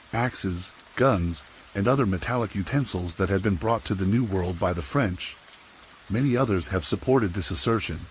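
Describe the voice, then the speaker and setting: A man narrating a scripted horror story for sleep in a measured, serious, documentary-like way. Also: lowish voice, a little hiss or hum, poor audio. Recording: steady rain sound behind voice. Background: rain.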